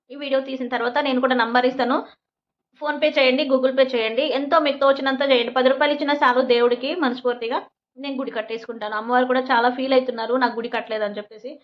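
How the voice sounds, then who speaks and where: A woman's voice: sits high, muffled recording. A woman vlogger in casual talk to camera, rambling and making earnest, pleading appeals.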